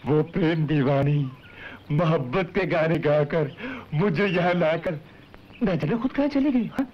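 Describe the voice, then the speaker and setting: An actor in a 1970s Hindi film playing a panicky young man, the son of a villain, shouting and pleading. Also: on the high side, unhurried, a little hiss or hum, natural voice. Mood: scared. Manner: frantic shouting, then fearful whispering. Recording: dull old film soundtrack.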